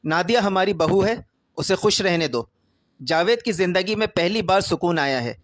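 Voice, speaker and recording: A man voicing a calm but stern older father of the household. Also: sits high, no echo.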